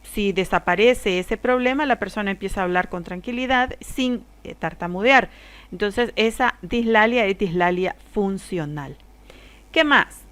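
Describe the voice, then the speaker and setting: A woman teacher giving a recorded lesson, explaining carefully and slowing down to demonstrate sounds. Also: mid-range voice, a bit bright, clear, resonant tone. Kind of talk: recorded lesson on speech disorders.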